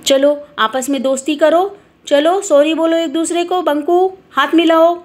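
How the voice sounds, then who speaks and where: A woman voicing a gentle elderly grandmother in a doll story who soothes and admonishes the quarrelling family. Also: high voice, a little slow. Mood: admonishing.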